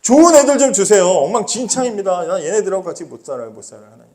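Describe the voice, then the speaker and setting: Pastor acting out a fed-up leader pleading. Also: male voice, high-pitched, big pitch swings, rapid-fire, dark tone. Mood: exasperated. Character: exasperated male leader complaining to God.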